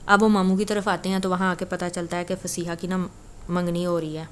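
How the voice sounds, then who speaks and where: Low flat-voiced woman storyteller. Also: a little hiss or hum. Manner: chatty, conversational, frequent filler "na". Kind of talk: casual spoken story retelling.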